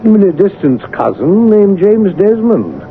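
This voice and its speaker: Radio drama doctor: anxious, proper, fussy, raised pitch with plenty of movement. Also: male voice, big pitch swings, unhurried, exaggerated voice. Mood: affronted, formal. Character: anxious, proper male doctor and estate executor. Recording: tinny old radio recording, faint noise.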